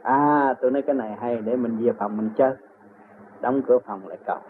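A man's voice: medium pitch, fast talker. An older man with a Southern Vietnamese accent, telling long personal stories in an interview and chuckling often as he talks. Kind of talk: rambling personal storytelling. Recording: tinny phone-like recording with faint noise.

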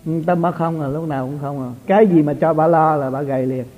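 A man's voice: a little high, steady tone, fast talker. A man, a spiritual teacher giving an informal, chatty talk to his followers and chuckling often. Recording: tinny lo-fi recording.

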